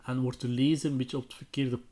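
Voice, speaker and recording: A man retells a book on his podcast in a relaxed, chatty way. He hesitates often and fills gaps with fillers. His voice sits at an ordinary middle pitch. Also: quick pace. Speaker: podcast host.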